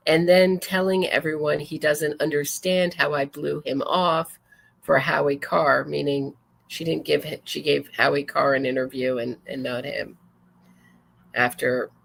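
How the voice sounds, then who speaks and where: In a rough recording, a woman with a low, gravelly voice speaks in a steady tone at a measured pace. She hosts a true crime podcast, casually commenting and reading messages aloud while often digressing and correcting herself.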